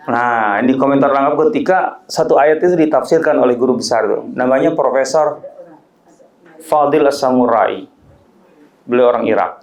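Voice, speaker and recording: A man's voice: medium pitch, normal speed, long pauses, lo-fi sound. Joking preacher man, lilt, echoey. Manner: joking, conversational, rising emphatic peaks. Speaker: Islamic preacher. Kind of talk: religious study talk. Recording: roomy echo.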